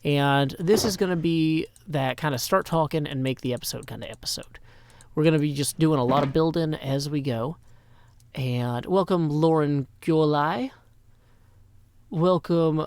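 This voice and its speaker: Slightly high with a darkish tone and no echo, the voice comes from a middle-aged man from Nashville, Tennessee. He's chatting on a live stream via a stand microphone, a little tired but playful, with rhyming quips and long lists of greetings.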